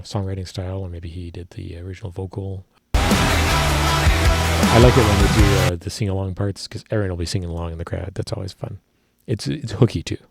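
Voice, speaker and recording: Male musician reacting to a track, husky and lowish, dry close sound, rambling, technical, self-correcting. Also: no room sound. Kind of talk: casual music analysis.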